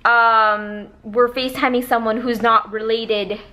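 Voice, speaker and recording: Young woman vlogger, high-pitched voice, casual chat to a handheld camera. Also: little pitch movement, measured pace, sharp tone. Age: young adult. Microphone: camera held at arm's length.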